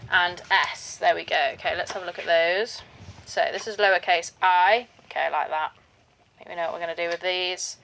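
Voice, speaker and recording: A woman's voice: lowish voice, steady tone, normal speed, gravelly, a bit bright, slight background noise, poor audio. A woman co-hosting a puzzle game playthrough, chatting casually with playful, teasing quips.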